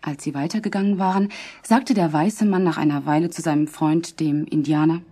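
A woman reading a story aloud in a calm, even way. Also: low-pitched, fairly quick, slightly rough. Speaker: narrator. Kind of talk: read storybook narration.

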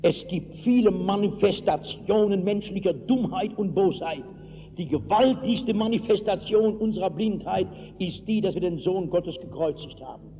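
A male pastor preaches with a high, ringing voice and forceful, storytelling emphasis. The recording is thin and tinny, carrying a long echo from a large hall. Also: moderate pace. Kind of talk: sermon. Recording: echoey hall, tinny lo-fi line.

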